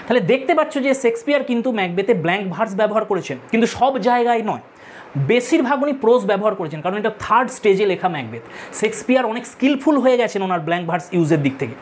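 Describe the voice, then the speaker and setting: A woman's voice: mid-range voice, expressive, quick pace, slight background noise. A woman with a Bengali accent teaches a literature lesson for exam students, explaining step by step, counting aloud and repeating key terms.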